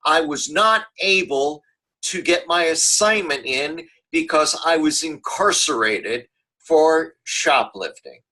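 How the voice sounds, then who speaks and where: A man's voice: mid-range voice, sharp tone, rough recording. Rambling, sarcastic male business professor. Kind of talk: recorded online lecture.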